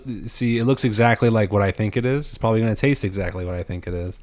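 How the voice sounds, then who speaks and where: Young man, podcast host, lowish voice, teasing, laughs a lot. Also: fast, darkish tone. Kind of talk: casual chat.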